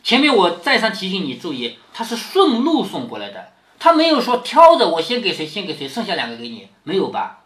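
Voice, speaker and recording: This explanatory storytelling lesson features a man reading a classic novel to his daughter, his voice sitting high and fairly quick. Lively, he performs the quoted lines and repeatedly checks understanding with rhetorical questions. The sound carries a roomy echo.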